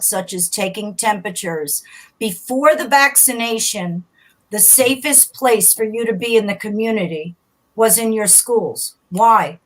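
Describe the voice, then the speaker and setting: A woman's voice: medium pitch, poor audio. A woman guest on a call-in radio show, explaining school safety in an assured, reassuring way. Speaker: teachers' union leader, guest. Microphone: remote call.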